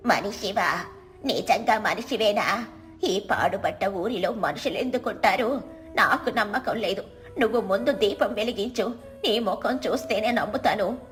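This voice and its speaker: A woman's voice: medium pitch, animated, measured pace, faint music behind, natural voice. A woman voicing a frightened old village woman who has lost her way at night, crying out and pleading in a trembling voice. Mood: fearful, wary. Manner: trembling, fearful cries and pleas.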